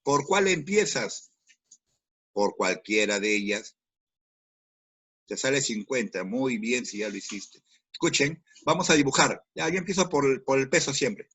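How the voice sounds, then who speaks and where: A man's voice: medium pitch, very animated, unhurried, pauses often, fairly bright tone, husky. A man teaching a physics class online, explaining step by step, repeating key words and speaking directly to his students.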